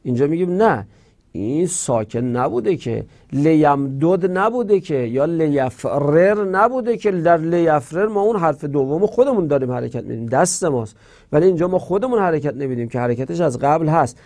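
A male teacher giving a grammar lecture, reciting verb forms in slow drills and posing rhetorical questions. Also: a little high, lively intonation, a little mellow.

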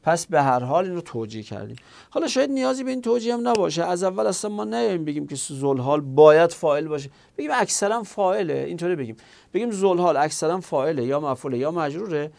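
A man's voice: a little high, lively intonation, vocal fry, darkish tone. Man lecturing with rhetorical questions. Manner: explains step by step with rhetorical questions; addresses students directly. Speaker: teacher. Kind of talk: classroom lecture on grammar.

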